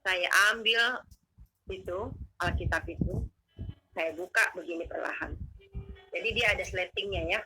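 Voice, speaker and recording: A woman telling her testimony as a guest, in animated, emotional, slangy conversational storytelling. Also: fairly low pitch, a little slow, long pauses, soft background music, low-quality recording.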